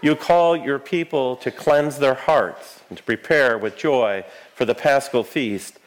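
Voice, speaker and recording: A man speaking as a Lutheran pastor, leading prayers and liturgy in a measured, solemn, formal way. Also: mid-range voice, rough recording.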